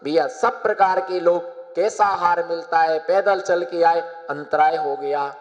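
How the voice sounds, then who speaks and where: A man's voice: a little high, steady tone, a little slow, muffled recording. A man, a Jain monk, preaching a sermon, repeating phrases and prompting the listeners to answer. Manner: repetitive, prompting listeners to respond. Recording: long hall reverb.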